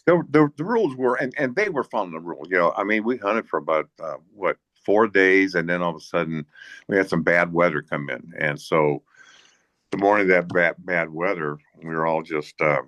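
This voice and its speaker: Guest storyteller: a low-voiced man, dry close sound, halting, full of restarts. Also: fairly bright tone, no echo. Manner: rambling, halting delivery with frequent restarts and chuckles. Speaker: guest, hunting guide and bush pilot. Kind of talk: casual anecdotal storytelling in a Q&A.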